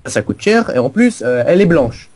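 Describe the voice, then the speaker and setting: A man's voice: a little high, big pitch swings, moderate pace, crowd noise. A man co-hosting a casual gameplay video, explaining a game server in a rambling, self-mocking way. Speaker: co-host giving a game server tour.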